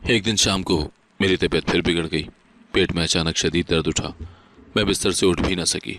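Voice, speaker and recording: A man reading a sad first-person moral story as scripted narration, steady and solemn. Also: deep voice.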